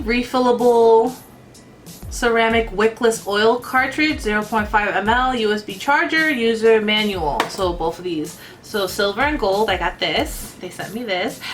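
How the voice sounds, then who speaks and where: A woman vlogger doing a casual unboxing, gushing and excitable about everything she opens. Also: a little high. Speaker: vlogger reviewing products.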